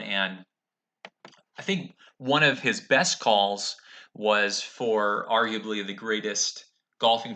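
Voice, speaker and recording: Guy chatting about golf, very bright sharp voice, kinda low, stops and restarts as he thinks. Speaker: host of a golf commentary show. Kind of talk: unscripted talk about golf.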